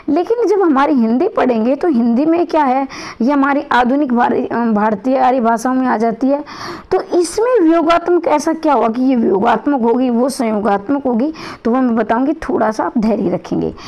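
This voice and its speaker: A woman's voice: sits high, a little mellow. A woman teaching a lesson to exam candidates, with a strained throat, repeating and rephrasing each point and putting questions to her students. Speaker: Hindi teacher for exam preparation.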